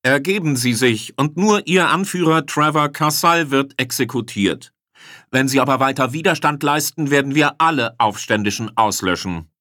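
A man voicing a booming, threatening male general who gives formal ultimatums in an audiobook. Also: lively intonation, normal speed, sharp tone, no echo, clean studio sound. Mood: menacing. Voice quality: booming, amplified. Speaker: military commander. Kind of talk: audiobook character voice.

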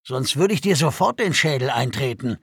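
A man voicing a huge, brutish male alien guard in an audiobook, loud, mocking and threatening. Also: medium pitch, animated, moderate pace, breathy edge, dry recording, studio quality. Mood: sneering.

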